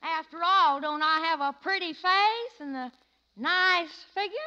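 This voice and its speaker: Very high-voiced Daisy June, country gal. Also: female voice, a little slow, pushed and bright, muffled recording, exaggerated voice. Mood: flirty, coy. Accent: American. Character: flirty, folksy country gal at filling station. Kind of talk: 1940s radio comedy acting. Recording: noisy old radio comedy recording.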